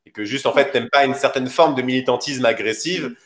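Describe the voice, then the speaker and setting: A man with a medium-pitched voice speaks briskly as co-host of a casual live discussion show, sitting indoors beside his co-host. His phrasing is hesitant and rambling as he feels his way through points, and the live-stream sound is roomy and echoing.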